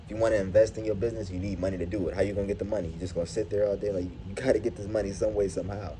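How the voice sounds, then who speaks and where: A man's voice: on the low side, steady tone, rapid-fire, background noise. A man giving a casual, earnest motivational vlog through a face mask, slightly muffled, in slangy, profane speech addressed straight to viewers. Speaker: YouTube vlogger. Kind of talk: casual motivational monologue to camera. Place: at his workplace.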